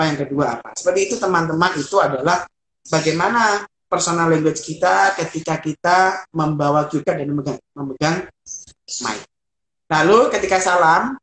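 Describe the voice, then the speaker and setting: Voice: mid-range voice, fairly bright tone. A young adult trainer teaching a practical MC workshop, breaking into a performed announcer voice to demonstrate lines. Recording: roomy echo.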